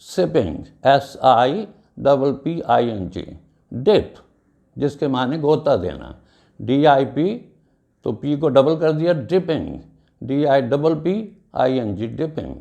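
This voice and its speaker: A man teaching an English grammar lesson, spelling out words letter by letter in a slow, deliberate way. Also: medium pitch, big pitch swings, vocal fry, mellow.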